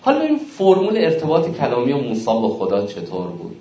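A man from Iran delivers a lecture on family life and faith, acting out little exchanges with a lively, swinging pitch. He sounds distant from the mic, the sound dull and muffled in a reverberant hall. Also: slight background noise. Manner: animated, acts out dialogues.

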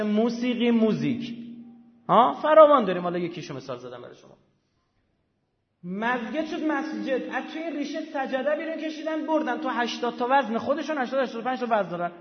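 A high-pitched man gives a live lecture with emphatic delivery, often stopping to quiz his listeners. His voice rings with a long reverb, as in a large hall. The recording sounds dull and lo-fi. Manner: emphatic, quizzes listeners with quick questions.

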